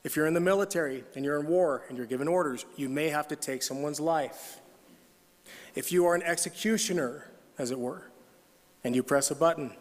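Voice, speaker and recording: A middle-aged man preaching at a conference, telling stories with humor and reading scripture. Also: a little high. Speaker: conference speaker. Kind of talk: sermon. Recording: long hall reverb.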